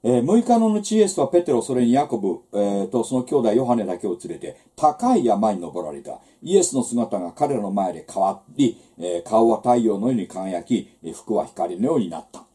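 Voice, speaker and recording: Male Bible lecturer, seminar style, animated pitch, conversational asides. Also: a little fast, hardly any pauses. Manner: conversational teaching with rhetorical asides.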